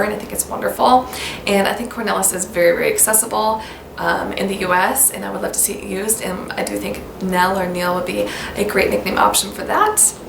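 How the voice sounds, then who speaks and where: With a gravelly, mid-range voice, the American vlogger enthuses about baby names in a casual, upbeat way, at times spelling them out. Echo and background noise fill the room.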